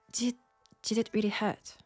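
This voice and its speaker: In a scripted audio roleplay, a woman with a French accent plays a proud, wry young Parisian seamstress. Her mid-range voice is measured, pointed, and sardonic, with sighs, moving from dismissive to softer. There is no room sound.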